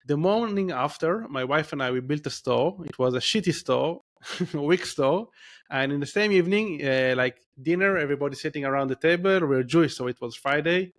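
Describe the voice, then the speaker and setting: With lively intonation and a slightly high, somewhat bright voice, a man in his thirties talks fairly quickly. He's a podcast guest with an Israeli accent, telling his story in a rambling, casual interview style full of fillers and restarts.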